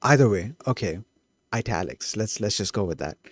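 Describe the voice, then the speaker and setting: A man streaming himself coding, thinking aloud, who gets excited and keeps correcting himself mid-thought. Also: fairly low pitch, brisk, husky, no room sound, clean studio sound. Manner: excitable, self-correcting, trails off and restarts.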